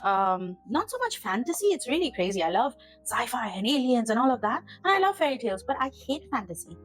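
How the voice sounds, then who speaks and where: A woman's voice: fairly high pitch, big pitch swings, brisk, faint music behind, poor audio. Earnest, rambling woman chatting to camera. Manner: rambling, earnest, gets emotional and laughs. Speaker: tarot channel host. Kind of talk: casual chat to camera. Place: home kitchen.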